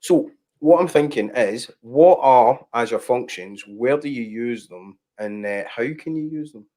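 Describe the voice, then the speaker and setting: A man's voice: mid-range voice, measured pace, dark tone. A man hosting a casual livestream chat, easygoing and full of filler sounds. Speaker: host.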